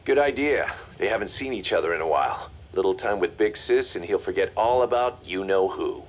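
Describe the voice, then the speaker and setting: An actor playing a mercenary second-in-command in a video game, briefing in a confident, matter-of-fact, commanding way. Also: male voice, low voice, expressive, fairly quick. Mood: hard-nosed. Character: brisk, hard-nosed male mercenary second-in-command. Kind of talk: video game voice acting, mission briefing dialogue.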